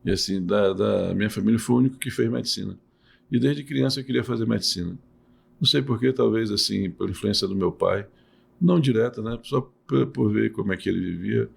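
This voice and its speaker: Gravelly-voiced man explaining patiently. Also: fairly low pitch, a little fast, a little mellow. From Salvador, Bahia, Brazil. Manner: explanatory, hesitant restarts. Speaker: urologist and professor, guest. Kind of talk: podcast interview.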